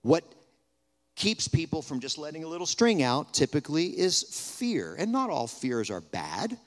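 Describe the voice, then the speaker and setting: A man preaching at an evening camp gathering, telling a story in a conversational way, sometimes dropping to a hushed retelling and sometimes rising with energy. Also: a little high, sing-song, measured pace. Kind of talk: sermon with storytelling. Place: large hall at a camp gathering. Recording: long hall reverb.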